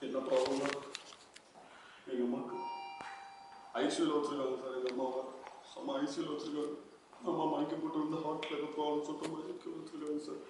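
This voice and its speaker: A man plays a frightened young man who begs and pleads, his voice a little high. He is heard from a distance in a very echoey space. Music plays loudly behind him. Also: completely flat delivery, brisk, pauses often, lightly acted. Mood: desperate. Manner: pleading, frightened, repeats sir. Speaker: young man caught in a phone threat. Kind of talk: amateur short-film acting.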